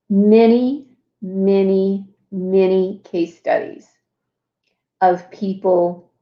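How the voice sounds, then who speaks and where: Slow chatty woman in a roomy room. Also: mid-range voice, highs cut off. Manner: chatty, lots of fillers and asides. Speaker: host. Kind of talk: casual livestream walkthrough.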